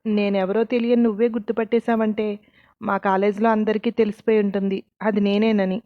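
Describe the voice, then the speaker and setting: A woman's voice: medium pitch, flat delivery, brisk, dry recording, dull audio, close to an everyday voice. Woman voicing Vidya, a wary college girl. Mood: suspicious. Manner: suspicious, questioning. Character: young woman college student, wary and defensive.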